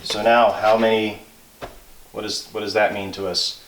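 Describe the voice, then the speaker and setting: A man giving an informal technical explanation, working through figures aloud in a halting, self-checking way. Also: lowish voice, little pitch movement, a little hiss or hum. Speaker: instructor. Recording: roomy echo, distant microphone.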